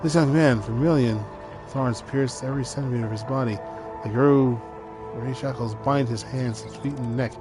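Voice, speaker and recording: A man's voice: medium pitch, normal speed. A man reading game narration aloud dramatically, breaking into casual asides as he plays. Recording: music behind the voice.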